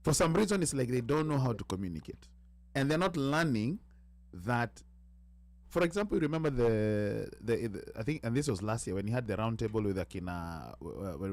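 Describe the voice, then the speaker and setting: A man's voice: lowish voice, expressive, moderate pace, a little mellow, no echo. A man in a casual panel discussion, explaining at length and restarting often as he searches for words.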